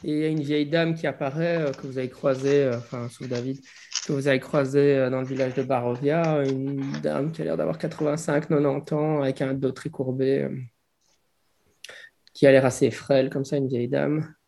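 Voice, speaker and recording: A man's voice: mid-range voice, flat delivery, brisk, creaky, mellow, slight background noise. A man improvising narration as game master of a tabletop game, hesitantly searching for his words.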